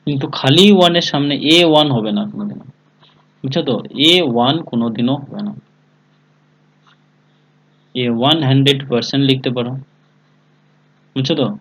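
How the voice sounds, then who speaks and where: A man's voice: medium pitch, a little fast, long pauses, a bit bright, rough recording. A man teaching an online English class, spelling words letter by letter and often asking his students whether they follow. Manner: calls on students by name. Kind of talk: live online class lesson.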